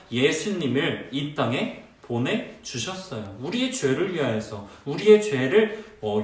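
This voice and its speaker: A man preaching a children's sermon, retelling a story in an animated way and addressing the children as friends. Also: a little high. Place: church hall. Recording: roomy and distant.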